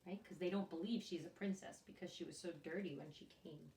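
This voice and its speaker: A storyteller and teacher with a lowish, warm voice reads a picture book aloud to young children at a fairly quick clip. She is expressive and keeps stopping for questions and asides to them. The echoey room and distant microphone carry some slight background noise.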